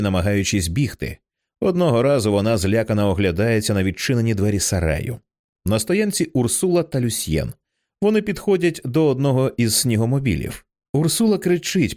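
A man narrating a screenplay as an audiobook reader, in a dramatic and expressive way. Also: lowish voice, moderate pace.

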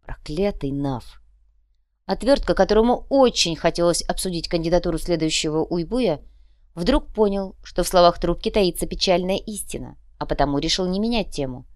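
A woman narrating a fantasy audiobook in an even, measured reading. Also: lowish voice, no room sound, clean studio sound.

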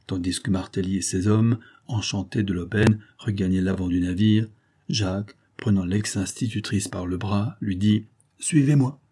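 A male audiobook narrator with a low, dark, husky voice. He reads the classic novel in a measured, dramatic manner. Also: flat delivery.

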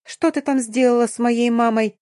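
A woman voicing a cold, vengeful young heroine who speaks low, clipped and menacing in an audiobook. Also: steady tone, normal speed, a little mellow, no room sound, clean studio sound, lightly acted. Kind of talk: audiobook character voice.

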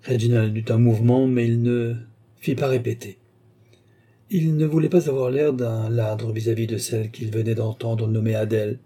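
A man reading a nineteenth-century short story aloud in a measured, expressive narration. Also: medium pitch. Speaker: audiobook narrator. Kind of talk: scripted literary narration.

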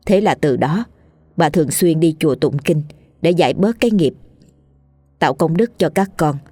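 A woman, narrating a scripted ghost story in a steady reading voice. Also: low voice, normal speed, no room sound, faint music behind.

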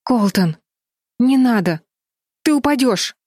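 A woman's voice: mid-range voice, animated, measured pace, husky, no echo, studio quality, voice pushed up. Nervous sister, cautious and pleading, voiced by a woman. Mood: anxious. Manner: fretful, pleading. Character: anxious middle sister, cautious and worried.

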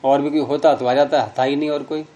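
A man's voice: mid-range voice, flat delivery, fairly quick, dark tone, highs cut off. A man teaching Sanskrit grammar, patiently explaining rules step by step with examples and repeating key terms.

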